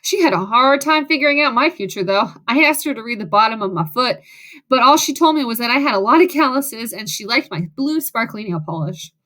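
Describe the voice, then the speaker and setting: A woman's voice: fairly high pitch, lively intonation, fairly quick, bright, forceful tone. A woman reading a first-person audiobook in a wry, sarcastic way. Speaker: audiobook narrator.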